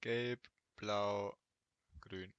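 Male co-op partner, lowish bright voice, dry sound, terse directions. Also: very slow, clear, resonant tone, no echo, muffled recording. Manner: short, calm replies and directions. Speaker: co-op game partner. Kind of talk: casual gameplay chat.

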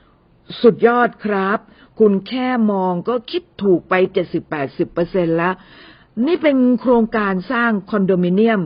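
A woman's voice: medium pitch, animated, normal speed, dull audio, close to an everyday voice. A woman reading an audio novel and voicing a young wealthy male boss who speaks politely and teases his new secretary. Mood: teasing. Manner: polite, playful, mock-offended.

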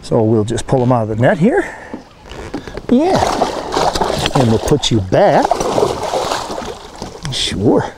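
A middle-aged man hosting a fishing show, talking outdoors on a lake boat with a lapel mic, excited as he coaxes and lands a fish. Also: medium pitch, slow pace, long pauses, very noisy. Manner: excited, coaxing the fish while landing it.

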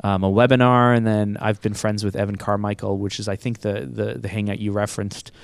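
Here the same kind of speaker, an agency owner and podcast host, talks in a low, gravelly yet smooth voice, brisk and flat in delivery. He gives casual, conversational interview answers that ramble, restart often, and break into easy laughter. There's no room sound.

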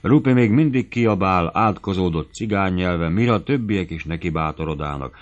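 Deep-voiced male audiobook narrator. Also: dull audio.

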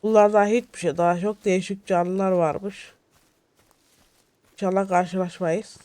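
A young man giving excitable solo let's-play commentary, jittery and shouting at his in-game companions. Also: high voice, a little slow, clear, resonant tone, dry recording. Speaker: gaming YouTuber.

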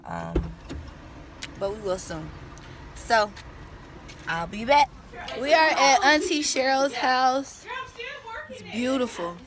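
A young woman, chatting casually to her phone camera as a vlogger, full of slang and sudden bursts of excitement. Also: on the high side, slow, long pauses, a crowd in the background. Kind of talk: casual vlog chat. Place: in a car on the road. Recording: loud car and road noise.

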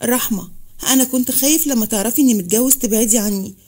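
A woman's voice: a little high, quick pace, warm tone, lightly acted. A woman with an Egyptian accent voicing a young husband who apologizes in a pleading way. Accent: Egyptian Arabic.

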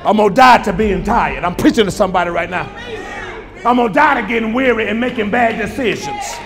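A male pastor preaching a sermon with call-and-response, swinging from shouts to hushed lines. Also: high voice, a little fast, crowd noise. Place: church sanctuary.

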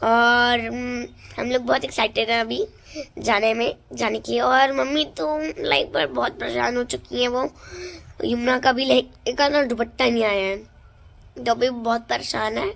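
A teenage girl vlogging casually and excitedly, showing things to her phone camera at home and in a moving car. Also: a little high, normal speed, vocal fry. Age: teens. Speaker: vlogger, elder daughter. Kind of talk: casual vlog chat.

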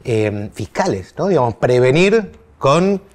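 A man's voice: mid-range voice, very animated, measured pace, a little mellow. A male interviewer with an ordinary mid-range voice leads the conversation. He asks his questions casually, leaning on fillers and hedges.

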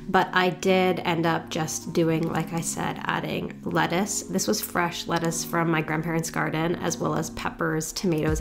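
A woman's voice: on the low side, vocal fry. Young woman, casual cook-along vlog, chatty and upbeat, home kitchen, close camera mic. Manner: chatty, upbeat, says "like" often. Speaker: lifestyle vlogger.

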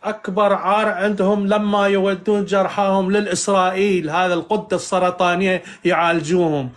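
A man, a native Persian speaker, calling into a live stream and speaking halting Arabic in an earnest, solemn way. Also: high voice, flat delivery. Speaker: caller. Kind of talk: political call-in chat.

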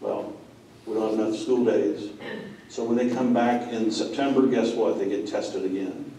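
Middle-aged guy giving a conference talk, lowish mellow voice, mic far off in a big echoey room. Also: steady tone, moderate pace, slight background noise. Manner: plainspoken storytelling with audience asides. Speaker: school president. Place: conference room with a seated audience.

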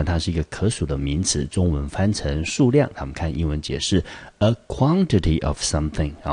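Male teacher with a Taiwanese Mandarin accent, deep and husky, patient drawn-out explanations. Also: mellow, no room sound. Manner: explanatory, drawn-out, stressing key words. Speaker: English teacher. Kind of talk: vocabulary lesson.

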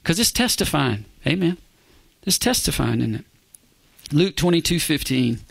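A male pastor preaching a verse-by-verse sermon, emphatic, often asking the congregation "Amen?" and dropping to a hushed whisper for emphasis. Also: fairly high pitch, sing-song, normal speed, creaky, slightly rough, dry recording.

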